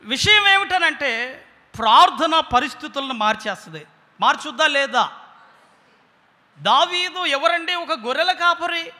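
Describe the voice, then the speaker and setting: Man, pastor, very high piercing voice, passionate sermon, long reverb of a church hall. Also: animated, a little slow, long pauses, pushed and bright. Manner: impassioned, fires rhetorical questions at the congregation.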